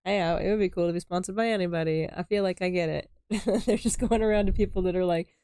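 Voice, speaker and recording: A woman chatting on a gaming stream, poking at her partner's claims with quizzical, playful doubt. Her voice sits a little on the low side. The sound is dry and close to the mic. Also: fast talker, mellow, clean tone, no echo. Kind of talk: casual chat while playing.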